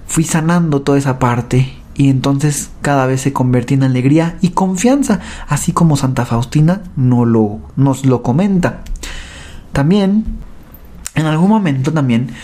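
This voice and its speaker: A man with a Mexican accent and a slightly high, dark-toned voice shares his personal faith testimony haltingly, repeating words and often ending sentences with a tag question.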